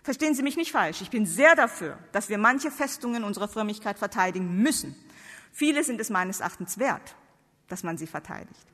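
Speaking fairly quickly and animatedly, a woman with a medium-pitched, somewhat bright voice preaches theology to a seated audience in a large reverberant hall. German isn't her first language, as she comes from outside Germany, and she uses emphatic rhetorical questions. The recording carries the hall's long reverb.

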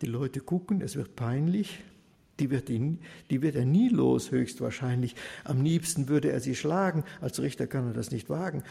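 A man telling a story in rhyming verse with a lively, rhythmic delivery. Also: medium pitch, normal speed, gravelly, in a large hall.

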